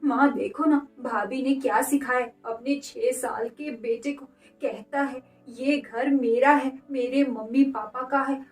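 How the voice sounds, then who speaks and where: A woman voicing a spiteful, quarrelsome young sister-in-law who talks in a sharp, accusing way. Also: sits high, steady tone, takes it slowly, few pauses, faint music behind. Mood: complaining. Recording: echoey room, mic at a distance.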